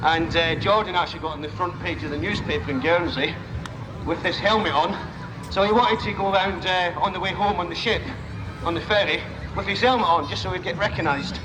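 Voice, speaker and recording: A man's voice: high-pitched, brisk, long reverb tail, over music, low-quality recording. A man announcing a live outdoor stunt show to a crowd, with informal, jokey patter. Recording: outdoor PA, crowd and vehicle noise. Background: crowd, vehicles and outdoor noise.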